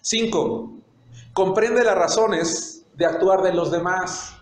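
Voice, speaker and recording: Pastor, male, preaching a sermon, high voice, roomy hall with faint hiss. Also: takes it slowly. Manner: preaching with rhetorical questions and acted dialogues. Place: church sanctuary. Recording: echoey church hall with faint noise.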